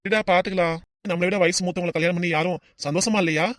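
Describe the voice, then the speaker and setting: Cartoon: a voice actor as a loud, joshing young pal, southern Tamil Nadu accent, brisk and dry. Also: mid-range voice, steady tone, dry recording, natural voice. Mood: teasing. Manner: boisterous, mocking. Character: loud teasing young male buddy. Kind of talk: cartoon voice acting.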